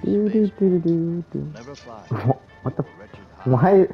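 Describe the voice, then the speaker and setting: A man's voice: on the high side, slow pace, gravelly, narrow, tinny audio, soft background music. A young man hosting casual gameplay commentary, joking and swearing a lot. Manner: profane, joking, excitable. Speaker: gaming channel host.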